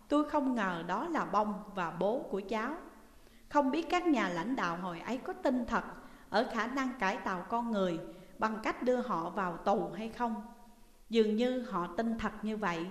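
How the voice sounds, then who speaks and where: A woman calmly narrating a first-person memoir as an audiobook reader. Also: medium pitch. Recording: echoey reverberant room.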